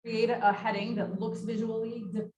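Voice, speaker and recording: On a lo-fi recording, a woman with a higher, slightly mellow voice talks fairly quickly and with little pitch movement. She's a workshop presenter giving a semi-scripted training session with informal asides.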